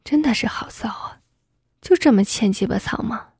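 A commanding husband urges in a hushed, insistent whispered role-play, voiced by a woman. The whisper is husky and pitched fairly high, and it sits close and dry. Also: moderate pace, no room sound. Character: a husband, adult man, aroused and commanding.

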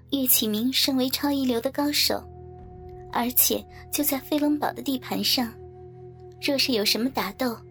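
A woman narrating a martial-arts novel in a steady storytelling manner. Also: sits high. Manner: steady storytelling, acts out characters. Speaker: audiobook narrator. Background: faint background music.

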